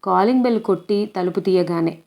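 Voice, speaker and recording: A woman's voice: mid-range voice, fairly quick, creaky, darkish tone, natural voice. Woman reading a rattled writer guy in a novel, proud but shaken, kinda insistent. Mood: anxious.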